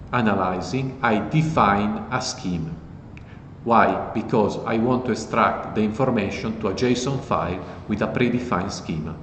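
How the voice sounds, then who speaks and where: Low-voiced man explaining code casually. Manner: relaxed, plain explanatory talk. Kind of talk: casual tech tutorial. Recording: echoey with long reverb and faint noise.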